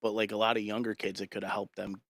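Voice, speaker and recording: A man co-hosting a podcast in casual chat, measured, steering the talk back on topic. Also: on the low side, level tone, fairly bright tone, no room sound. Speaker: podcast co-host.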